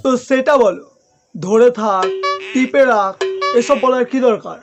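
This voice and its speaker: A woman voicing an excitable, cheeky young student in a cartoon comedy skit, with theatrical, whining repetition. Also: on the high side, a little slow, muffled recording, over music, close to an everyday voice.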